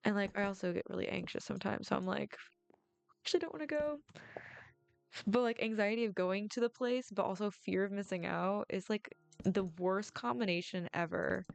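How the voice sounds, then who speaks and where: A woman's voice: mid-range voice, steady tone, fairly quick, gravelly, no echo, soft background music. A young adult woman, a film student, chatting casually and rambling with lots of "like" fillers while playing a game. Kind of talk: casual gameplay chat.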